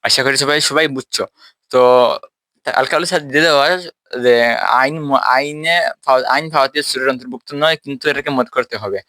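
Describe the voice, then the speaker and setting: A man teaching a tajweed class, explaining step by step and quizzing his students, with slow drawn-out letters. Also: mid-range voice, bright, forceful tone, dry recording. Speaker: Quran recitation teacher.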